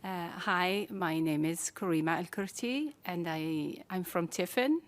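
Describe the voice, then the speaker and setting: A woman's voice: fairly low pitch, measured pace. A woman from Algeria giving a hesitant public comment of thanks at a city council meeting, often restarting her sentences.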